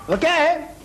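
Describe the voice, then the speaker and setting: High lively voice, cheeky courier shop boss, old tv sitcom, noisy soundtrack. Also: male voice, heavily acted. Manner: cheeky, animated comic delivery. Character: cheeky courier shop owner, quick-witted man. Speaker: courier office owner. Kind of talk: 1990s TV sitcom acting.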